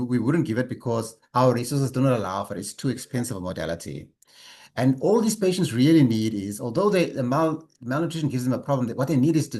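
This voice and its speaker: A man's voice: mid-range voice, a little mellow. A man, a doctor, answering audience questions in an online webinar, hesitant with many restarts, on a video call. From South Africa.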